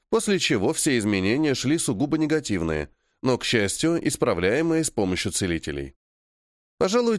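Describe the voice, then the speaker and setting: A man reading a first-person fantasy audiobook in a measured, matter-of-fact way. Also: medium pitch, no echo, clean studio sound. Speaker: audiobook narrator.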